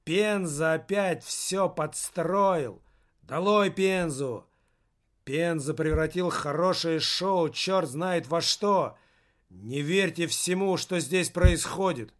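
A man reading aloud as an angry heckler in an audience, shouting indignantly. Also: fairly high pitch, slow. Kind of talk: audiobook reading.

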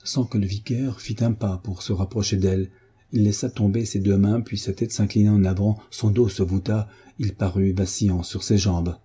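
A man narrating a classic novel in a measured, steady storytelling manner. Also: lowish voice, breathy edge. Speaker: audiobook reader. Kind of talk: literary narration.

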